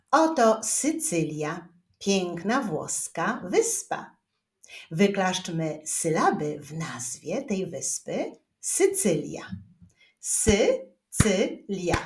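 A woman teaching young children to read, speaking slowly and clearly and drawing out each syllable. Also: fairly low pitch. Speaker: reading teacher. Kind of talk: slow children's reading lesson. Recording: roomy echo.

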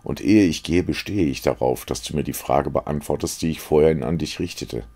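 A man's voice: extremely low pitch, normal speed, creaky, mellow, husky, heavily acted. A man reading aloud as a witty, cynical young aristocrat who talks in mocking epigrams. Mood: amused, teasing.

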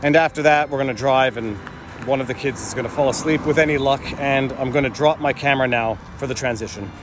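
A man's voice: mid-range voice, fast talker, background noise. A man in his thirties casually vlogging a family camping trip outdoors, talking wryly into a handheld camera at arm's length. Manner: playful, wry, chatty with his kids. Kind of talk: casual family travel vlog. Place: outdoors at a campsite and roadside.

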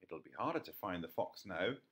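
Man reading as a kindly animal-loving man, storybook voice, deep, bouncy lilt, gentle and unhurried. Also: sing-song. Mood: cheerful.

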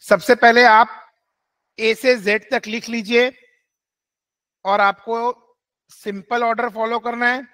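A man teaching an online class, switching between Hindi and English and repeating key rules slowly for students to note down. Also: very high voice, little pitch movement, pushed and bright.

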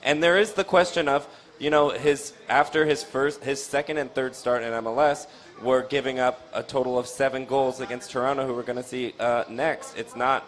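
A young man hosting a casual soccer post-game chat in a bar, talking with lots of restarts and jumps in pitch. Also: steady tone, moderate pace, few pauses, a bit bright. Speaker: soccer show host. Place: dim bar. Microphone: studio mic on stand with foam cover, headphones.

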